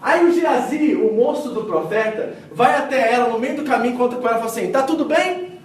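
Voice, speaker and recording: A high-voiced man preaches, telling the story with vivid acted-out quotes and swinging from loud to hushed. His voice rings through a large echoing church hall, picked up from some distance with faint room ambience behind. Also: a little fast, slight background noise. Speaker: pastor. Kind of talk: sermon. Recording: echoey hall miked from a distance.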